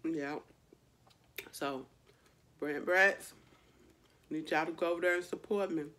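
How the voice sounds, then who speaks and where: A woman's voice: deep voice, slow pace, a bit bright. A woman vlogger, chatting to her viewers in a casual eating-show vlog while chewing as she talks. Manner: chatty, addresses viewers as y'all.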